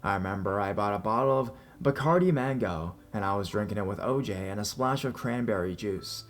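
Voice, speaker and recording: Over background music, a man with a rather low voice works through listener-sent scary stories told in the first person, keeping his narration fairly quick.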